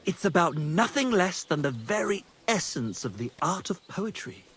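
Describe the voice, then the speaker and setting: A pompous lovesick troubadour poet. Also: male voice, high voice, sing-song, moderate pace, fairly bright tone, slightly rough, exaggerated voice. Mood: lofty. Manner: pompous, theatrical, scornful. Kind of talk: video game cutscene acting.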